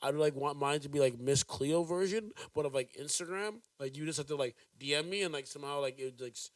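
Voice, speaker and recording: A young man from Jamaica rambling through casual podcast chat, thinking out loud and piling up fillers. His voice sits a little high. He is set back from the mic in a dry, dead-sounding room. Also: quick pace, dry recording, distant mic. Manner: rambling, filler-heavy musing. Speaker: podcast co-host.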